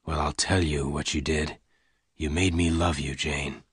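A calm Old West gunfighter, played by a male reader, very low and quiet. He speaks slowly and gently with a hard edge, in a close, dry storybook recording. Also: breathy edge, dry recording, full character voice. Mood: calm, hurt. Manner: calm, slow, gentle but hard-edged. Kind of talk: audiobook character dialogue.

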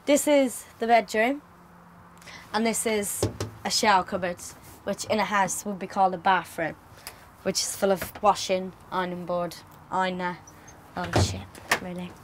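A woman's voice: mid-range voice, fairly even intonation, normal speed, noisy background. A woman of eighteen, a newlywed, chatting casually to camera in a plain-spoken, informal way. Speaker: newlywed bride. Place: outdoors at night and inside a small caravan.

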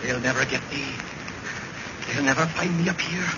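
A man's voice: mid-range voice, moderate pace, natural voice. A man playing a jittery, fearful old stage doorman with a menacing side in a 1940s radio drama. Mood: panicked, threatening. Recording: dull, noisy 1940s radio recording.

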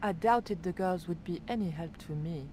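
A woman's voice: on the low side, normal speed, darkish tone, slight background noise, lightly acted. An actress voicing a poised young woman investigator in a video game, polite and probing. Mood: matter-of-fact.

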